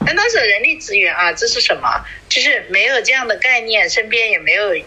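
A woman's voice: fairly high pitch, expressive, a little fast, sharp tone, slight background noise, rough recording. A woman in her forties chatting casually as a podcast co-host, rambling with many fillers and restarts. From small city in China. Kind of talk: casual chat.

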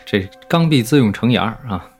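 A man co-hosting a podcast, chiming in with quick, chatty remarks on the story. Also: on the low side, animated, a little mellow, soft background music. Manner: chatty, interjecting. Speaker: podcast co-host. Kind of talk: commentary on the story.

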